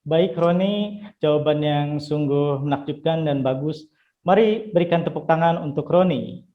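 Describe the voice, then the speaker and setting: A man's voice: a little high, normal speed. A young man from Indonesia, a student teacher, leading an online class in an encouraging, friendly way. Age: young adult. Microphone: video call. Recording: slightly muffled online call audio.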